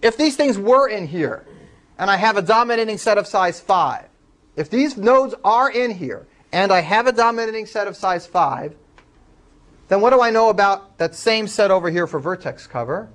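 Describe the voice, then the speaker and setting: A man's voice: sits high, lively intonation, normal speed, fairly bright tone. A man lecturing a class, explaining step by step and taking student questions.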